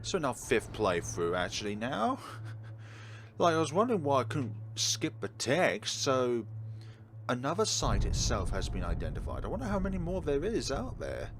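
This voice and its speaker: His medium-pitched voice swoops wildly as he reads a visual novel aloud at a moderate pace, theatrical and emphatic, with interjected reactions. He adds casual gameplay commentary as a let's player, and the background is clearly noisy.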